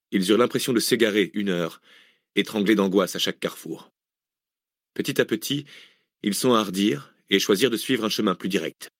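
A man with a fairly low voice narrates a thriller audiobook in a steady, measured reading. The recording is close and dry, with no room sound. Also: dry recording.

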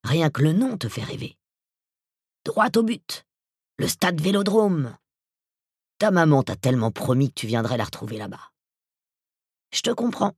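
A narrator voicing a hulking middle-aged male villain, who talks in a soft, slow, threatening way with a hollow, hissing voice. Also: mid-range voice, big pitch swings, husky, no room sound, studio quality, heavily acted. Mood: mock friendly. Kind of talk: audiobook character voice.

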